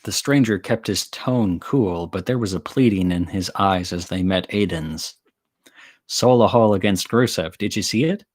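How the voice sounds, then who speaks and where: A man reading his own story aloud on a live stream, relaxed, with chatty asides and self-corrections. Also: low-pitched, normal speed.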